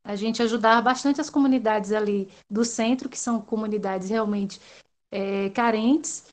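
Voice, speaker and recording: A woman's voice: medium pitch, moderate pace. A woman from Salvador, talking in a rambling, hesitant way with many fillers during an online class discussion. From Salvador, Brazil.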